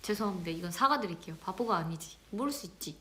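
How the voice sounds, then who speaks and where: A woman hosting a casual live-stream chat with a bright, sharp voice. She is playful and giggly with her viewers. Every so often she drops into a hushed, breathy whisper. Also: medium pitch, animated, quick pace.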